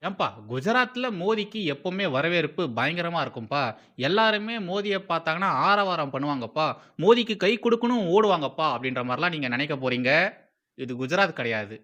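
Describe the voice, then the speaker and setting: A man's voice: a little high, lively intonation, fairly quick, a bit bright. A man from Tamil Nadu giving heated, scornful political commentary as a channel host.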